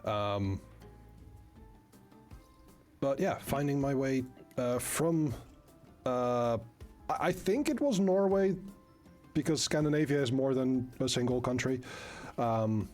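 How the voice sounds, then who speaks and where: A man's voice: medium pitch, lively intonation, slow pace, pauses often, a little mellow, soft background music. A man playing a tabletop game, chatting casually with hesitant fillers and restarts. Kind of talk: casual role-play chat.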